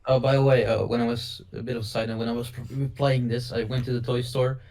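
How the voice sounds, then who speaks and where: A man's voice: medium pitch, little pitch movement, fast talker, darkish tone. A man talking as a guest in a casual gaming chat, hesitant and often restarting his words. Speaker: podcast guest.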